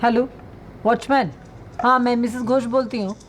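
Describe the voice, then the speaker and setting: A woman's voice: on the high side, fairly even intonation, moderate pace, soft background music, natural voice. An actress playing a frantic upper-class mother who talks in a panicky rush and mixes English into her Hindi. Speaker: worried mother.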